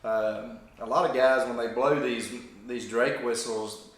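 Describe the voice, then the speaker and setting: A man's voice: mid-range voice, steady tone, a little slow. Man in a very echoey room, explaining gear. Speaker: duck call demonstrator. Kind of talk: informal hands-on product explanation.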